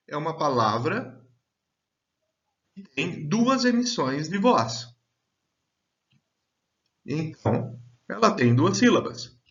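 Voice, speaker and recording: A man teaching a grammar lesson, speaking slowly and deliberately and drawing out example words. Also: fairly high pitch, a bit bright. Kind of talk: slow, clear grammar lesson. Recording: dull, lo-fi sound.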